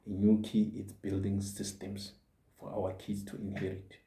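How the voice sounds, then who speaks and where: Very dark-voiced man preaching to parents. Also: on the low side, monotone, normal speed. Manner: earnest, repeats points for emphasis. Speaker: podcast host. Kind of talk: motivational monologue. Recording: roomy echo.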